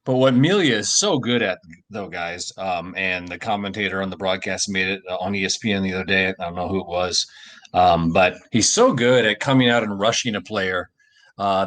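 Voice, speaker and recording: A man's voice: on the low side, fairly bright tone. A man co-hosting a casual sports podcast, teasing and laughing often. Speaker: podcast co-host. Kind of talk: casual chat.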